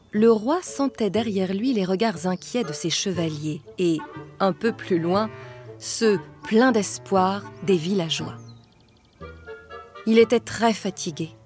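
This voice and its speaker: A woman narrating a storybook in an expressive, mid-pitched voice. She takes her time, with a very slow, deliberate pace. Soft music sits faintly behind her. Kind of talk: storybook reading.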